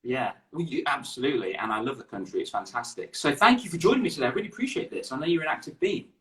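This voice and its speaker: Upbeat English male host, middle pitch, chatty, slight stutter on restarts. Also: animated, fast, a bit bright, recorded from a distance. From England. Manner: upbeat, chatty, repeats words. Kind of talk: online interview. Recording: echoey room, away from the mic.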